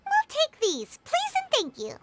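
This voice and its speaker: A woman voicing a tiny, excitable fairy companion who talks about herself in the third person, in a video game. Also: very high voice, measured pace, heavy background noise, heavily acted. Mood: excited.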